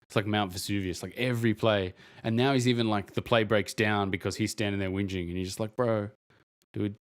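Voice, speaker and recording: Male podcast co-host, lowish voice, casual rambling delivery, acts out asides. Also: steady tone, fast. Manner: rambling, acts out what he says to players. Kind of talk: casual sports chat.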